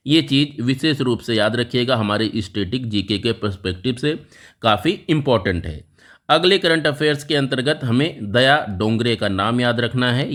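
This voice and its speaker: A man's voice: mid-range voice, a bit bright. Man teaching current affairs, stressing facts. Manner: explanatory, repeats key facts and says "remember this" over and over. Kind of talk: exam-prep lesson over a map.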